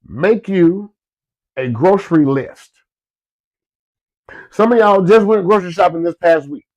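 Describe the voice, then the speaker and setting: Here the cold-stricken man from Florida talks a bit slowly, his high-pitched voice animated yet darkish in tone. He delivers folksy, repetitive business advice in a relaxed pep talk to his audience.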